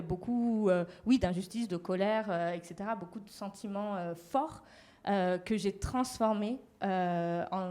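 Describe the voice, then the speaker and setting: A woman's voice: medium pitch, darkish tone. Woman speaking at a live panel, hesitant. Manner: hesitant, many fillers. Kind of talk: live talk to an audience.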